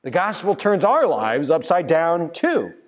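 A man's voice: a little high, wildly swooping pitch, unhurried. A young adult man preaching a sermon as pastor from a church pulpit, telling the story earnestly with restarts and fillers. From United States. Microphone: pulpit mic from a far camera. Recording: long church reverb.

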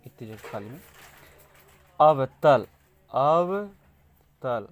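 A man from India teaching an exam-prep lesson, talking slowly and repeating key words as he writes them out. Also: mid-range voice, slight background noise. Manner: slow, repeats key words while writing.

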